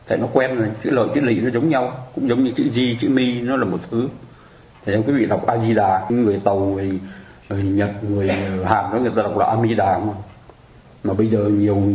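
Low, mellow-voiced male teacher. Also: roomy sound, low-quality recording. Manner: patient, explanatory, keeps asking listeners to agree. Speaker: Buddhist teacher. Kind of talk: conversational teaching on mudras and mantras.

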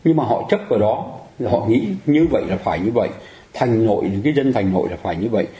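A man's voice: lowish voice, lively intonation, quick pace, dark tone, roomy sound, rough recording. A man giving a Buddhist dharma talk in a conversational way, often turning to the audience with questions to check they agree. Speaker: Buddhist teacher.

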